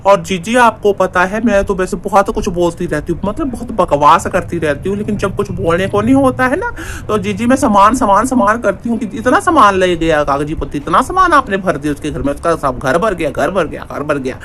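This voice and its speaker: A man's voice: sits high, expressive, fairly quick, a bit bright, a little hiss or hum. A man playing a fawning, gossipy young female sidekick vlogger in a comic parody, chatty and repetitive.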